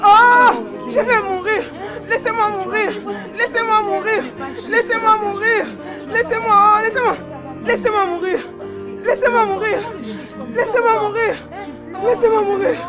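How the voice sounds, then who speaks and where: A woman's voice: very high-pitched, steady tone, unhurried. An actress dubbing a grieving widowed mother who wails and pleads for her son. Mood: wailing. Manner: wailing, pleading, sobbing. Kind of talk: dubbed film drama. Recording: loud music and crowd behind.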